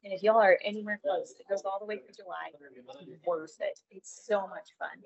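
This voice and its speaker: Upbeat woman, husky lo-fi voice. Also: mid-range voice, steady tone, normal speed. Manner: chatty and upbeat, calls herself a nerd. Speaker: podcast co-host. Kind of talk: casual chat. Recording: dull lo-fi sound.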